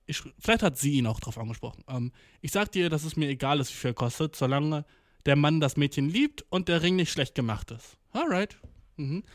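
A man's voice: a little high, no room sound, clean studio sound. A young man casually reacting to a read-out story, blunt and slangy, sprinkling in English words. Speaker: commentator.

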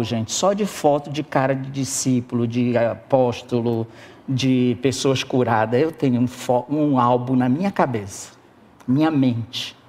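A preacher giving an expressive sermon and speaking right to the congregation. The voice sits at a middling pitch and leaps up and down with lively intonation. The delivery stays warmly engaged with the listeners throughout. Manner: expressive, addresses the congregation directly.

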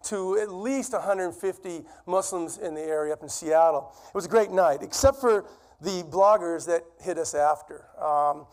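High-voiced man with a Boston accent preaching. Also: normal speed. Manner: conversational, self-deprecating. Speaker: guest preacher. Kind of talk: sermon. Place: church sanctuary.

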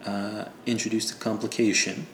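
A man's voice: on the low side, flat delivery, normal speed. A man narrating as game master in a casual, joking way. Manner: casual, laughing, loose and joking. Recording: echoey room with faint ambient noise.

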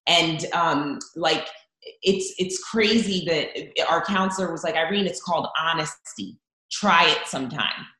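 A woman's voice: low voice, measured pace, bright, forceful tone. Earnest Zambian-born woman, roomy sound. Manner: earnest, open, stumbling restarts. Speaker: guest. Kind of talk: candid faith testimony. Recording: roomy echo.

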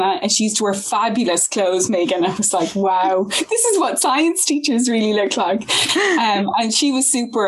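A woman's voice: medium pitch, low-quality recording. A woman in her forties with a west of Ireland accent, chatting effusively as an interview guest and recalling her own life. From Galway, west of Ireland. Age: 40s. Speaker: podcast guest, science academic. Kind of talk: conversational interview, personal recollection.

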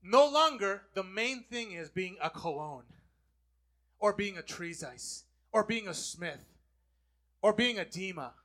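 A man's voice: high voice, expressive, unhurried, fairly bright tone. A man preaching a sermon, calling on the congregation to repeat words back to him. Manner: call-and-response preaching, asking the congregation to repeat. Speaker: pastor.

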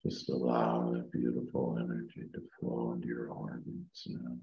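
Man, guided meditation, calm meditative tone, extremely low gravelly voice, muffled recording. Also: normal speed, reverberant.

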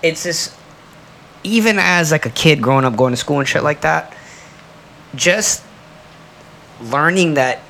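A man with a mid-range, somewhat bright voice co-hosts a casual podcast, rambling emphatically and cursing freely as he debates his views with friends. There's obvious noise in the background.

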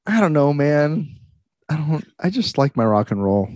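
Lively easygoing podcast co-host man. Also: fairly high pitch, normal speed, no echo. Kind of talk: casual chat.

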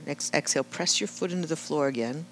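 A woman leading a live yoga class, calmly cueing breath and movement and often checking in with "right?". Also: low-pitched, fast, a little hiss or hum. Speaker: yoga instructor.

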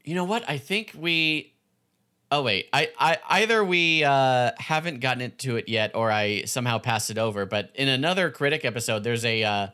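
A man co-hosting a podcast, recapping a show casually in halting phrases full of "like". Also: mid-range voice, sharp tone, clear, resonant tone. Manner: halting, filler-heavy phrasing with many "like"s. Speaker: podcast co-host.

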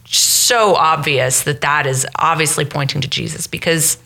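Woman cohost, kinda lowish voice with a crisp edge, chatty about scripture. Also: normal speed. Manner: lively, drifts into quoting others. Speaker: Bible study podcast co-host. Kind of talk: casual faith discussion.

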